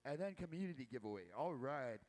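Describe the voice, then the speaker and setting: A man's voice: medium pitch, animated, brisk, a little mellow, low-quality recording. A man emceeing a powwow from an outdoor announcer's booth, making casual, informal announcements and draw calls.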